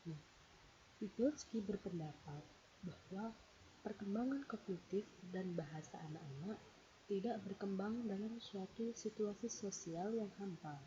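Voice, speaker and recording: Explaining a psychology theory, a woman reads out a lecture presentation in a warm, mid-range voice that moves a little slowly. She goes steadily through her points, counting them off one at a time. The recording is dull and lo-fi with faint hiss.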